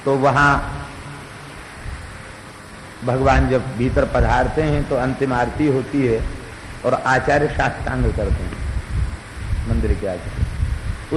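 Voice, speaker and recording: A man giving a devotional sermon, telling a story slowly and chanting verses. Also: mid-range voice. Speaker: preacher. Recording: long hall reverb, faint ambient noise.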